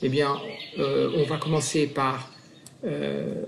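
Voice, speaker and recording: A man's voice: mid-range voice, level tone, slow, creaky, a little hiss or hum. A man giving a screen-recorded math lesson, counting steps aloud with many fillers and self-corrections. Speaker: math teacher.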